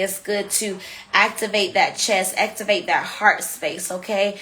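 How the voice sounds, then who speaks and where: A woman hosts an astrology show in a loose, conversational way, talking straight to her listeners. She coaches them as she goes and keeps asking "okay?" to make sure they follow. Her voice sits at an ordinary middle pitch. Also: a bit bright. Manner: chatty, coaching, repeats "okay?" often. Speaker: astrology podcast host. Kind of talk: casual energy forecast talk. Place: recorded for a phone livestream.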